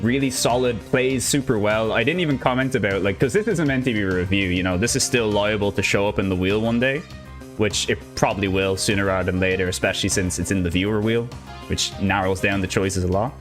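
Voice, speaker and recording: A young man from Ireland with an Irish accent and a lowish voice talks fairly quickly, chatting in an upbeat, rambling way during a live gameplay stream. Game music plays behind him.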